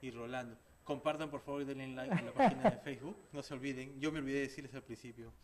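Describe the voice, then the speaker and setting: A man's voice: mid-range voice, quick pace, crowd noise. A man hosting a live-streamed interview, chatty and reading out greetings from viewers.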